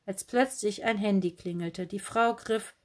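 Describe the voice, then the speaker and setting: A woman narrating a children's story in a lively storytelling manner. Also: medium pitch, unhurried. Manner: lively storytelling, plays several voices. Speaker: audiobook narrator.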